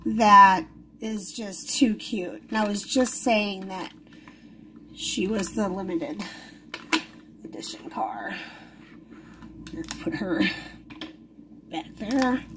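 A medium-pitched, fairly bright female voice swings widely in pitch, stretches out words and pauses often, over a slight hiss or hum. The giggly, easily thrilled toy unboxing vlogger chats casually at an indoor wooden table as an overhead camera captures only her hands.

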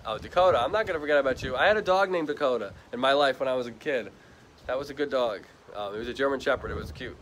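A man's voice: fast talker, a bit bright, low-quality recording. A man hosting a casual charity livestream at an outdoor animal shelter, reading out viewer comments. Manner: talks to the dogs in a high, soothing baby voice; reads out and answers viewer comments. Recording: outdoor wind and barking noise.

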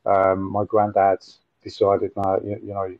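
A Nottingham man in his forties, a guest on a casual storytelling interview, speaks in a low voice with a halting, faltering delivery, repeating words and using lots of fillers. His tone is completely flat, with no echo. He's on a video call from a room at home with window blinds, and the audio is muffled and dry.

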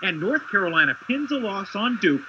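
A man narrating a scripted sports highlight voice-over as a TV reporter, with punchy dramatic phrasing. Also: sing-song, a little fast, sharp tone, slight background noise. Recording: dull lo-fi 1990s TV broadcast.

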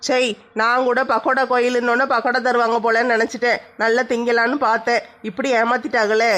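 Skit comic, woman, greedy naive joker, high and bright. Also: level tone, fairly quick. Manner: food-obsessed, naive joker. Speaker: comedy skit performer.

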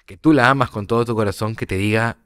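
Soft, smooth-voiced young man. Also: fairly low pitch. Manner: halting and reflective, repeats words as he searches for them. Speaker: podcast guest. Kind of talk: personal storytelling in a podcast conversation.

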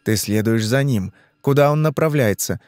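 A man's voice: mid-range voice, moderate pace, a little mellow, no room sound, studio quality, close to an everyday voice. A man doing a curt, demanding hypnotist. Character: stern bearded male hypnotist investigator. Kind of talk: audiobook reading.

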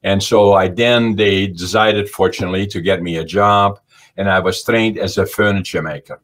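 Older Dutch-born man, 80s, deep and low, hesitant storyteller on a video call. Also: fairly even intonation, a bit bright. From Netherlands. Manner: halting, with many fillers and restarts. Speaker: interview guest, Holocaust-era survivor. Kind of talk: remote interview recollection. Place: small home office indoors. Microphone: video call webcam.

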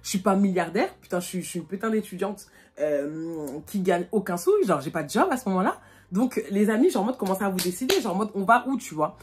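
A young woman from France, telling a casual storytime to her vlog audience in animated, slangy talk full of fillers. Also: mid-range voice, fast talker. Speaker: vlogger. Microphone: phone.

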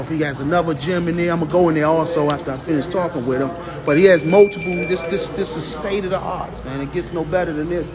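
An upbeat man hosts a casual on-site interview in a boxing gym, recorded on a phone. His voice sits somewhat high for a man, and people can be heard behind him. He keeps things moving with short affirmations. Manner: upbeat, repeats "yes, indeed". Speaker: host interviewer.

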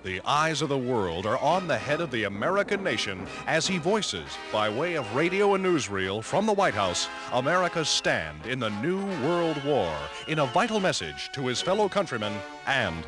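This is narration from an old newsreel, spoken by a man in a dramatic, emphatic announcer style with a clear music score underneath. His medium-pitched voice swings widely up and down with great expression, moving at a moderate pace with hardly any pauses.

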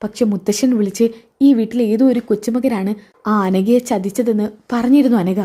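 A woman's voice: a little high, fairly even intonation, moderate pace, dark tone, close to an everyday voice. A woman voicing a worried, protective young woman who questions urgently.

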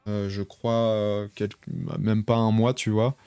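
Young male streamer, rambling and chatty at home, slightly low voice, dry close mic, faint music behind. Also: little pitch movement, a little slow, warm tone, clear, resonant tone, no room sound. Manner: rambling, chatty, talks to viewers in chat. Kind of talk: casual live stream chat. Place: home bedroom.

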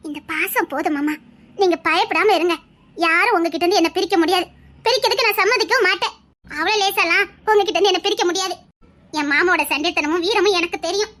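A woman's voice: extremely high pitch, fast, fairly bright tone. A woman playing a devoted young wife. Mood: reassuring. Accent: Tirunelveli Tamil. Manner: soothing, reassuring, tender. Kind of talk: emotional melodrama acting.

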